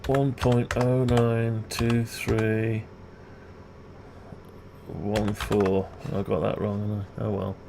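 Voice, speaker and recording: A male video creator shows off CAD design, thinking aloud without a script and muttering questions to himself. He speaks slowly in a fairly low, creaky voice. Keyboard typing and steady background noise fill the recording.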